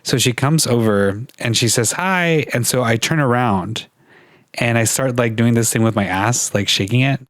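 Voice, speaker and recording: A man from California telling stories on his podcast in an animated way, swearing as he goes. His voice sits at a middling pitch. The sound is dry but a bit distant, because his mic sits too far from him. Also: normal speed, no room sound. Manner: animated storyteller, swears freely, high-pitched when quoting others. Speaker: podcast co-host. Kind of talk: casual chat. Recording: mic set a little too far away.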